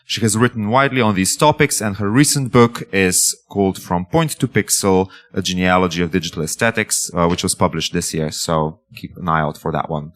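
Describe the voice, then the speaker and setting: Deep-voiced male moderator giving a brief, formal speaker introduction. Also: fairly quick, hardly any pauses, a bit bright. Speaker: event moderator.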